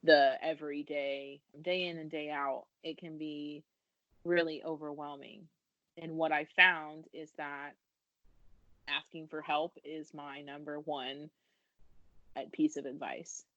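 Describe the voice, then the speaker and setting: A woman's voice: sits low, little pitch movement, slow pace, a bit bright, no echo, lo-fi sound. A woman from the United States in her thirties, a business founder talking casually and earnestly in a podcast interview, laughing now and then. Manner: earnest, self-deprecating, laughs while talking.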